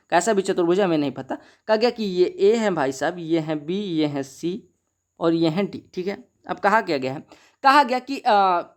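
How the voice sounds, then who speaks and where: A male maths teacher giving an exam-prep lesson, talking each sum through step by step in a chatty way and calling his students brother. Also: sits high. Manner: chatty, steps through sums aloud, calls students brother.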